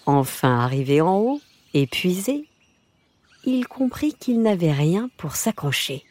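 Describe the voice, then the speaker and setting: A woman narrating a children's story in a lilting, expressive way. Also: fairly low pitch, slow pace. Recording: music bed under the voice.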